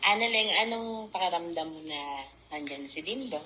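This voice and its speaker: A woman's voice: on the low side, expressive, normal speed, pushed and bright, reverberant, slight background noise, rough recording. A woman vlogger interviewing a couple, coaxing them with prodding questions. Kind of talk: casual interview.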